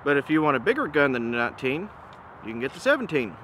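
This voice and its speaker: Male reviewer, bright forward voice, informal and easygoing, casual to-camera talk, light outdoor background noise. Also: medium pitch, very animated, fast talker. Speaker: gun reviewer and presenter. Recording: noisy outdoor recording with ambient hum.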